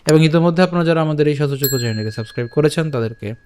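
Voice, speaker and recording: Slightly high-voiced man teaching verse pronunciation. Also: darkish tone, slight background noise. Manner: breaks words into syllables, asks "ঠিক আছে?" often; slow, drawn-out verse recitation. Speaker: Gita recitation teacher. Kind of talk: step-by-step Sanskrit pronunciation lesson.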